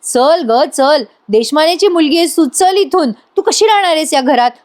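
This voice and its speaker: A stern, pushy man in a family soap lectures and insists, with a female narrator putting him on. the voice stays fairly high for a man. his tone is urgent and preachy. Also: lively intonation, normal speed, darkish tone. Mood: insistent.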